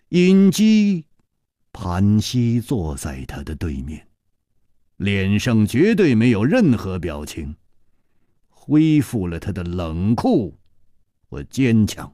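A male storyteller narrating a traditional long-form story in a dramatic way, swinging from hushed to loud. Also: low-pitched, no room sound, clean studio sound.

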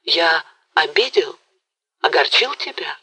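A woman's voice: sits low, lively intonation, slow, pushed and bright, husky, no echo, exaggerated voice, rough recording. A woman reading an ardent young lover. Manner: fervent, vowing. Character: passionate young man, ardent and protective. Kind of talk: audiobook character reading.

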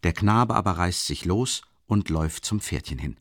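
A middle-aged man narrating a novel as an audiobook in a dramatic, expressive way. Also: low voice, moderate pace, no room sound, clean studio sound. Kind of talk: scripted literary narration.

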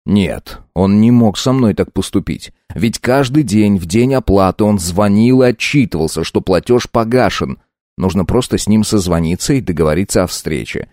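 A man narrating an audiobook in a steady, measured way. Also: lowish voice, dry recording, clean studio sound. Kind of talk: scripted narration.

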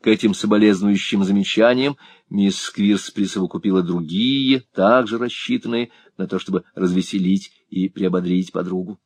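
A man's voice: deep voice, normal speed, no echo. A man narrating a classic novel as an audiobook, telling it expressively. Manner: expressive storytelling.

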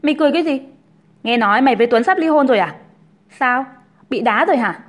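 A shrill, scheming pregnant young woman, put on by a woman storyteller, loud and accusing, her voice pitched up high. She throws barbs and wails theatrically in a spoken storybook. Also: a little fast, close to an everyday voice. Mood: taunting.

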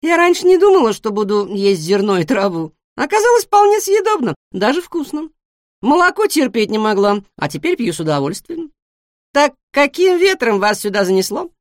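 A woman's voice: a little high, no echo, clean studio sound, pitched above the performer's own voice. A woman voicing a chatty, nosy young female guinea pig in a storybook, firing off questions one after another. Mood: chattering. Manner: rapid-fire questions, excitable and squealing. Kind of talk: storybook reading.

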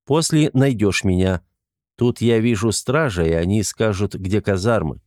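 A man's voice: fairly low pitch, a little slow, a little mellow, dry recording, close to an everyday voice. A man voicing a sardonic, stern young male hero who gives dry commands.

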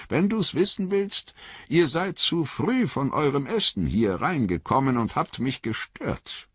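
A man's voice: vocal fry, fairly bright tone, husky, no echo, exaggerated voice. A man voicing a cheerful, chatty old male hobbit in a storybook reading. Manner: chatty, high and wavering. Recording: slightly muffled dry recording.

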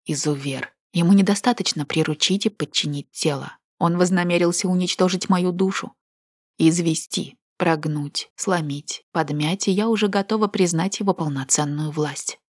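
Woman reading audiobook, low husky voice, dry close sound. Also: normal speed, a little mellow, no echo. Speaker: narrator. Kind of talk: first-person audiobook narration.

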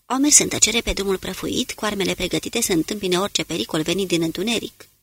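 A woman narrating an audiobook in an even, measured reading style. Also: mid-range voice, gravelly, breathy edge, no echo. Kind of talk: scripted narration.

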